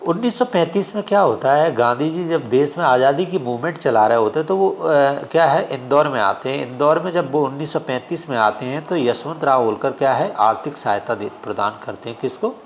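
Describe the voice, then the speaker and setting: A man's voice: medium pitch, animated, brisk, few pauses, muffled recording, slight background noise. A male exam coaching teacher giving a classroom lecture. He keeps asking questions and answering them himself, often checking with "ठीक है?".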